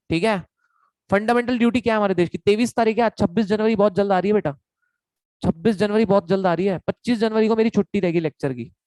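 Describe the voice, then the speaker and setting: A man, quite high-pitched, teaches an online class and chats and jokes with his students between points. The sound is dry and close, with no room around it. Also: a little mellow, no room sound, rough recording. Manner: chatty, joking, addresses students as kids. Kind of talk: casual online lecture.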